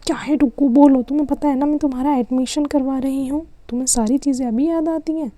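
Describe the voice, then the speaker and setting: A fed-up mother , as a woman puts her on, in a doll-play cartoon, scolding in quick bursts. The tone is dark and mellow and sounds dry and close-miked. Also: high voice, steady tone, no echo, voice pushed up, lightly acted. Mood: exasperated. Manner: scolding, fast, exasperated. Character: exasperated mother Poonam, scolding.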